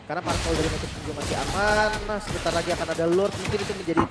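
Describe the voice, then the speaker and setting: A man's voice: on the high side, rapid-fire, far from the mic, over loud music. A man with an Indonesian accent giving live esports commentary as a co-caster.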